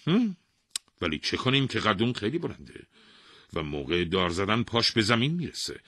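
A man voicing an angry, foolish king who shouts slow, drawn-out commands in a husky voice. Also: lowish voice, sing-song, no room sound, clean studio sound, pitched above the performer's own voice. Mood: smug. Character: angry foolish male king, loud and bossy.

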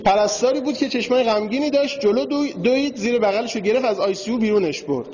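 This man's voice is extremely high in pitch yet darkish in tone as he gives a religious lecture, narrating a story and speaking directly to the audience. It's a dull lo-fi recording in a reverberant hall.

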